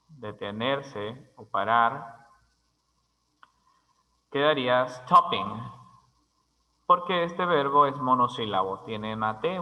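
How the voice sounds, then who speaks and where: Male language teacher, unhurried and methodical, crisp tone, long room reverb. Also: mid-range voice, highs cut off. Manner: slow, deliberate, spells words letter by letter. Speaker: English teacher. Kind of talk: grammar lesson.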